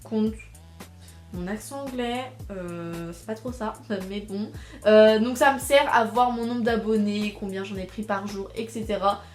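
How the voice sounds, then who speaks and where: A young woman vlogger chatting casually through a tour of her phone, with many fillers and trailing mumbles. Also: a little high. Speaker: YouTuber. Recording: echoey room with light music.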